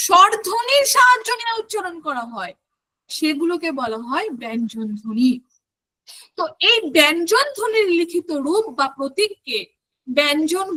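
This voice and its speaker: A woman teaches an online exam-prep class. Her voice sits high and rings bright as she walks through each point and keeps asking her students questions. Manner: explains step by step, asks the class questions.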